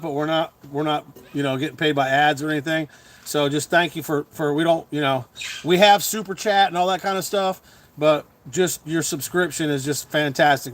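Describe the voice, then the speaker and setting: Chatty chuckling male comedian host. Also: a little high. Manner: chuckling, full of fillers and restarts. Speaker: comedian hosting a livestream. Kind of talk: casual rambling chat.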